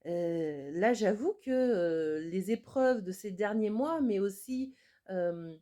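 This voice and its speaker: A woman's voice: mid-range voice, animated, slow, warm tone. A woman working as an energy healer, speaking to viewers in an earnest, reflective improvised monologue. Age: adult with children.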